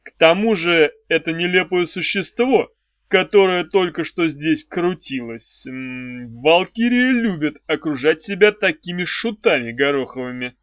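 A man's voice: a little high, animated, unhurried, no room sound. A man voicing a self-assured, mocking lord of darkness with a dry ironic manner. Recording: dry, slightly dull audiobook recording.

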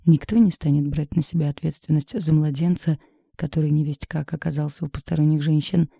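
A woman's voice: low-pitched, steady tone, a little fast, vocal fry, dark tone, husky, dry recording, clean studio sound. A woman reading a novel aloud in the first person, in a worried, confiding manner. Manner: worried, confiding inner monologue. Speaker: audiobook reader.

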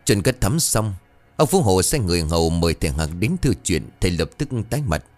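A man reading a ghost story aloud with dramatic, expressive delivery. His voice is very deep yet swings widely in pitch, and soft music runs faintly beneath him. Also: a little fast.

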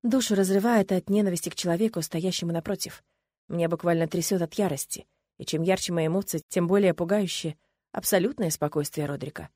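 A woman reading first-person fiction aloud in a steady, expressive storytelling manner. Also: on the low side, fairly quick, no echo, studio quality. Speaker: audiobook narrator. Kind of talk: first-person audiobook narration.

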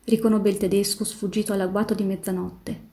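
Mellow-voiced woman reading a novel aloud. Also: mid-range voice. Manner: measured, steady reading that slows on tense passages. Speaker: volunteer reader in a reading marathon. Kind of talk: literary read-aloud narration.

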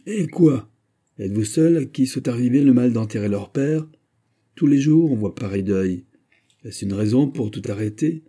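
A man reading the part of a haughty, domineering prince in an audiobook, lordly and commanding, with a husky voice. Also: mid-range voice, animated, normal speed, dark tone, pitched above the performer's own voice, lightly acted. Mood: scornful.

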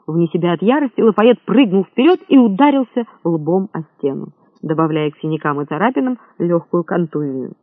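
A man narrating a story with scripted, lively storytelling. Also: high voice, fairly quick, no echo. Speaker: audiobook narrator. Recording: thin phone-like sound, dry.

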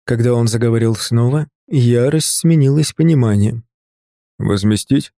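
A man narrating an audiobook in a calm, measured first-person storytelling voice. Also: mid-range voice, gravelly, no echo, studio quality.

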